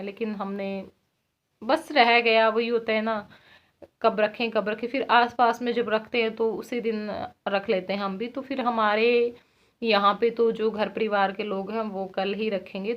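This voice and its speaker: A woman vlogging from her village home, chatting casually with her viewers and laughing often. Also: mid-range voice. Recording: dull lo-fi sound.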